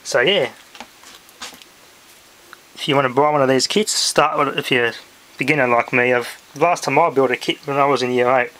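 Recorded on a phone or handheld camera in a home room, this man casually walks through a hobby demonstration, musing aloud as he goes. His medium-pitched voice sounds bright and forceful, moving at normal speed broken by long pauses, while the footage carries noise and clicks.

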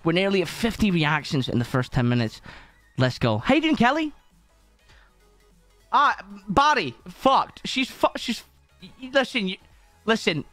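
A man's voice: high voice, very animated, normal speed, pauses often, a bit bright, no room sound, soft background music. A man chatting casually to his viewers on a live stream, swearing often and greeting people by name.

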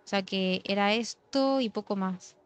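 This gaming streamer is a young woman with a medium-pitched, clear, resonant voice who talks a little slowly. She chats and mutters her way through casual gameplay, sometimes sinking into a playful ASMR-style whisper, over faint music in slightly dull audio.

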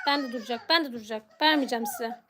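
A woman's voice: on the high side, very fast. A woman filming a home vlog, coaxing and soothing her crying children while talking to viewers. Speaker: mother and channel host. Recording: loud background noise.

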